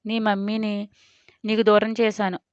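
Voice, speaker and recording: A woman reading out a grieving young father in a storybook drama, sorrowful and earnest. The voice is smooth, close and a little dull in sound. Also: medium pitch, level tone, measured pace, a little mellow, no room sound, natural voice. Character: heartbroken young father holding his newborn.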